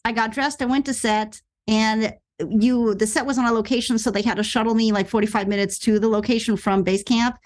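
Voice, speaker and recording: Animated middle-aged woman telling a story. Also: brisk, hardly any pauses. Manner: animated, acts out quoted lines with big jumps in pitch. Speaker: actress and podcast guest. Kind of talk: casual storytelling interview.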